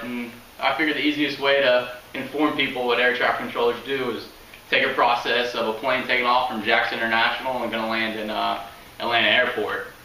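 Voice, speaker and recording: A young man's mid-range voice, pushed and bright, carries an informal student presentation meant to inform. He's in a room at home, and the camera capturing him sits a few meters away, leaving the audio distant, roomy and slightly noisy.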